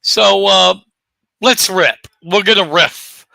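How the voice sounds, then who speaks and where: Late-50s male sports show co-host, slightly high voice, bright tone, chatty and jokey. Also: slow pace, vocal fry, dry recording. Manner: chatty, jokey, asks rhetorical questions. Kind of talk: casual sports talk.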